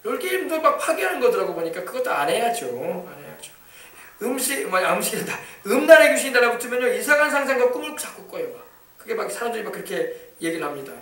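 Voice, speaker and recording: A man pastor preaches in a church sanctuary in a sing-song voice that sits high, fairly bright and quick. He is emphatic and repetitive, often calling out hallelujah, and the echoey church hall is heard from a distance.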